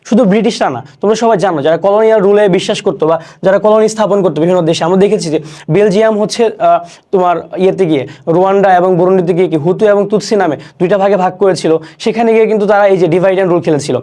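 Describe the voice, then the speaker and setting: Young man, high voice, online lesson, repeats questions and answers, slow careful recitation. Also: mellow. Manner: recites poem lines slowly. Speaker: teacher. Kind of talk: online class lecture.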